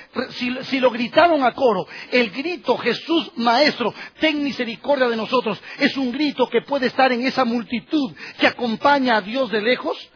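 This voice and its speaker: A man delivers a sermon in an unusually high, breathy voice. He keeps turning to the congregation with rhetorical questions. The recording sounds muffled and lo-fi. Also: fairly bright tone. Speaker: preacher.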